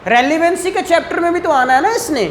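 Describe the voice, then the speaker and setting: Her voice is extremely high-pitched and quick as she gives an explanatory classroom law lecture in a Pakistani accent. She switches between Urdu and English legal terms and keeps asking short tag questions to make sure students are following, all captured in a clearly noisy room.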